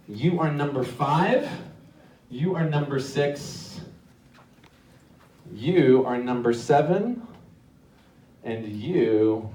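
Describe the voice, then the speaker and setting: A man hosting a live stage hypnosis show, giving commanding, repetitive instructions with drawn-out phrases. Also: fairly high pitch, darkish tone, far from the mic. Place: live show venue with audience. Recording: echoey live stage, crowd noise.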